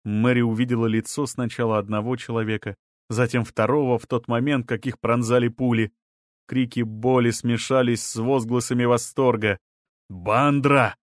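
A man reading a novel aloud as an audiobook narrator, in a measured way that leans into the drama. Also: medium pitch, level tone, no echo, clean studio sound. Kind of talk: scripted narration.

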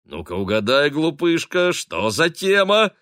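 A man's voice: a little high, big pitch swings, measured pace, fairly bright tone, no echo, studio quality, pitched above the performer's own voice. A man doing a gushing fussy lady. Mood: excited gushing. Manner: effusive, fussy, teasing. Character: gushing middle-aged lady, matchmaking mistress.

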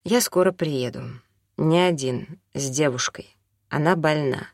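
A woman voicing a calm, firm young man who speaks quietly and slowly. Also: low-pitched, dry recording, clean studio sound.

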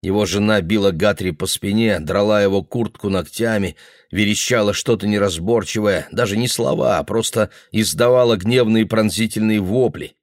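A man reading a novel aloud in a steady, even narration. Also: on the low side, moderate pace, no room sound, clean studio sound. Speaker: audiobook reader. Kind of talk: literary narration.

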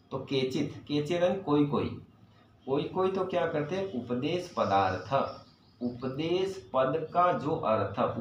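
A man teaching Sanskrit grammar to a class, explaining patiently, asking his students questions and reciting verses slowly. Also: on the high side, a little hiss or hum. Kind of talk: classroom lecture. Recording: echoey, dull lo-fi room recording.

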